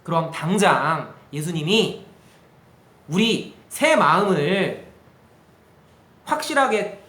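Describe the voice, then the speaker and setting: Youth pastor, male, sermon; animated, asks the room questions; bright, echoey sound. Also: a little high, slow pace. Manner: animated, asks the group questions, acts out quotes.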